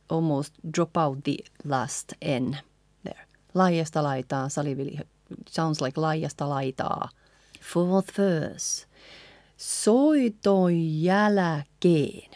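Low, slow-talking Finnish woman teacher. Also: dark tone, no echo, studio quality. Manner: models lines slowly, then has the listener repeat together. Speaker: singing teacher. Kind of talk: pronunciation lesson.

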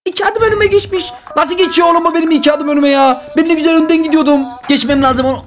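A man hosting a gaming channel, giving excited, joking gameplay commentary straight to his viewers. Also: extremely high pitch, fast, a little hiss or hum.

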